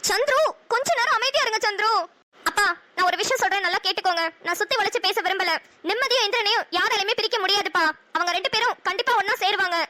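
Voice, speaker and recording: A woman voicing an outspoken young wife in a cartoon, with a Kongu Tamil accent and a quick, spirited delivery. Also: extremely high pitch, sharp tone, no echo. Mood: defiant. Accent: Kongu Tamil (Namakkal). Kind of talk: cartoon voice acting.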